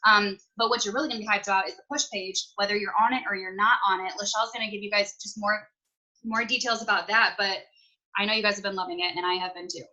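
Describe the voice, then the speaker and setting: Through dull audio, a woman with a medium-pitched, steady, sharp-toned voice gives her team upbeat tips on a video call. Her casual motivational chat is fast and breezy, peppered with "like" and "you guys".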